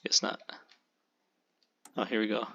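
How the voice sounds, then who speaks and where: A man hosting a gameplay video, talking casually and haltingly, with restarts he admits are stuttering. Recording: slightly dull lo-fi recording.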